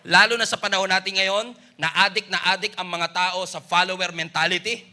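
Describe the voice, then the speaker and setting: A male pastor with a Filipino accent, preaching a sermon in a mix of Tagalog and English that swings between loud exclaiming and low, quiet lines. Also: steady tone, fairly quick.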